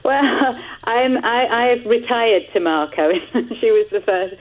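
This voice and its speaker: A woman's voice: on the high side, slow, narrow, tinny audio. A woman author answering radio interview questions in a hesitant way, with many fillers and laughs. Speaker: author guest.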